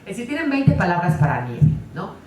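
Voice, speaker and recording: A woman lectures a conference audience in a lively, chatty way, checking in with quick tag questions. Her voice sits in a middling range. It carries from some distance off the mic in a roomy, echoing hall with faint background noise. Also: mid-range voice. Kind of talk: conference talk.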